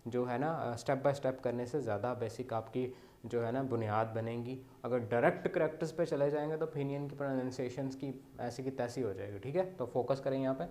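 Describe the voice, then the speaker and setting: A man's voice: mid-range voice, brisk, darkish tone. A man teaching beginner Chinese, who explains step by step and often checks in with his students. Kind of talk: beginner language lesson.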